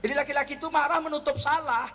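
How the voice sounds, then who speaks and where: High-voiced, animated male preacher. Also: racing, big-room sound. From North Sumatra, Indonesia. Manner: animated, acts out quarrels in a raised voice. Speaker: Islamic preacher. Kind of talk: humorous religious lecture.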